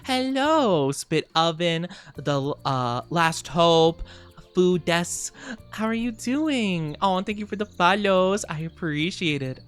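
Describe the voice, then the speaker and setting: Bubbly male streamer with swooping, animated pitch. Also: slow, smooth, faint music behind. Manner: bubbly, effusive, gushing thanks and greetings. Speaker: VTuber streamer host. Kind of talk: casual livestream chat while playing a game.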